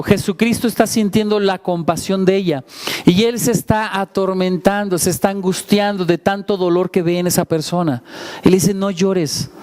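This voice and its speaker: A man delivers a sermon in a fairly high-pitched voice. He preaches in a conversational way, asking his congregation questions and joking about his own stumbles. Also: a little mellow. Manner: self-deprecating asides. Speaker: pastor.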